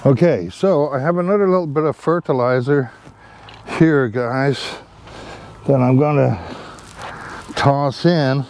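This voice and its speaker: Slow, mellow-voiced man planting trees. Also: mid-range voice. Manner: rambling, many fillers, talks to viewers as guys. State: back tightening up, a bit strained. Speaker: tree planting vlogger. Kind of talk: casual how-to narration while working. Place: outdoors at a planting site. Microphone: camera mic, set down nearby.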